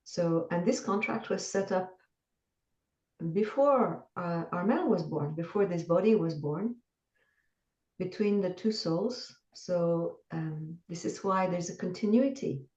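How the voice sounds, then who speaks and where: A woman from France with a French accent, calmly and earnestly explaining her spiritual experience as an interview guest. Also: on the low side, a little slow. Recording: dull distant roomy call audio.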